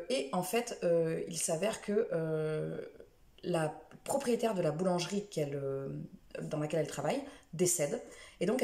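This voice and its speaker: Low and warm with some vocal fry, her voice carries a roomy sound as she casually reviews the books she got through this week. The book vlogger rambles somewhat, leaning on fillers and often correcting herself.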